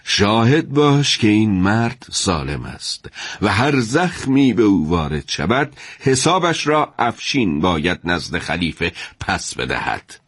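A man's voice: lowish voice, big pitch swings, a bit bright, dry recording, studio quality. A man voicing an earnest middle-aged male judge who pleads and reasons in a told story. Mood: firm. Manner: earnest, imploring.

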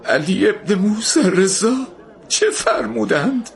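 A man voicing an earnest young male traveler, shaken with grief, in a trembling, breathy voice. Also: extremely high pitch, lively intonation, fairly bright tone, pitched above the performer's own voice. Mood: grieving.

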